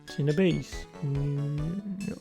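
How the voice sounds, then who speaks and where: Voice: medium pitch, slow pace. A streamer chatting casually with viewers while playing a game, rambling and hesitant. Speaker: let's play streamer. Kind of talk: casual game commentary and reading dialogue aloud. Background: game music.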